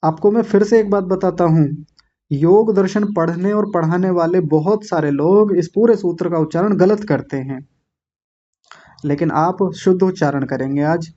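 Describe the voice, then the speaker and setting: A man teaching an online class, slowly and patiently drilling each syllable and gently correcting common mistakes. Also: high-pitched, muffled recording. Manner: repeats words slowly, syllable by syllable, with corrective asides. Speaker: Sanskrit pronunciation teacher. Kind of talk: slow patient classroom instruction.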